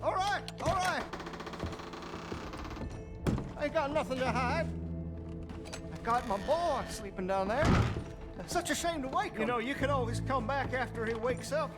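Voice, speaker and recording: A man's voice: very high-pitched, lively intonation, normal speed, over loud music. A man playing a deranged, grieving backwoods father with a Southern American accent in a video game. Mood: defensive.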